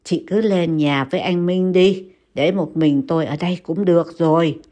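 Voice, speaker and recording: A woman voicing a calm young man who reassures a worried friend, in a steady, slightly lowered voice. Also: normal speed, lightly acted. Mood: reassuring.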